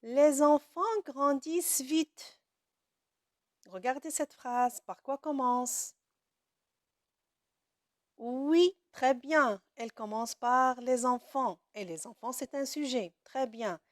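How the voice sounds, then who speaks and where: A woman teacher with a somewhat high voice walks through a grammar lesson at a very slow, careful pace. She drags out the key words and keeps praising the class. The sound is dry and close. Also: dry recording.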